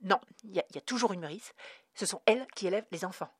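A woman's voice: mid-range voice, very fast, breathy edge, no echo, studio quality, lightly acted. A woman voicing a hesitant, flustered woman clerk who stammers as she answers, in an audiobook reading.

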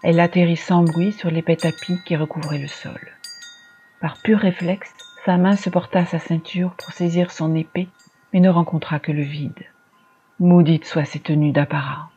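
A storyteller giving a measured, dramatic scripted reading of a dark fantasy tale. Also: mid-range voice, breathy edge, dull audio.

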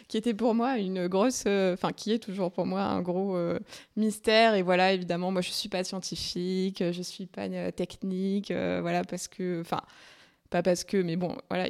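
A woman with a gravelly, creaky voice talks hesitantly and laughs at herself. She joins in a casual discussion, often pausing to find her words. Her pitch is medium. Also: a little mellow. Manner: hesitant, self-deprecating, laughing. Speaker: panelist.

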